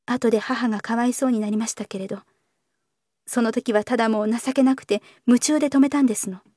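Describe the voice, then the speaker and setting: A refined young woman pleads in polished, courteous speech, her voice raised and shaking, as a woman narrator puts her on. The tone stays mellow and high, close and dry on the mic. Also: steady tone, brisk, no echo, close to an everyday voice. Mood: confiding. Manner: polite, formal speech, pleading and tremulous. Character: earnest, well-bred young woman, pleading.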